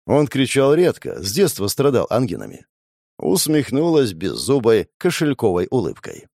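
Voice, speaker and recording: A man narrating an audiobook in a measured, expressive storytelling manner. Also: medium pitch, no room sound, clean studio sound. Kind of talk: audiobook reading of a crime novel.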